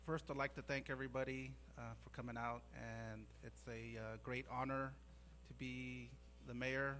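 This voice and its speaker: New mayor, male, even monotone delivery with some fillers, faint hum. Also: mid-range voice, normal speed. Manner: steady, with frequent fillers. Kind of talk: acceptance speech at a council meeting.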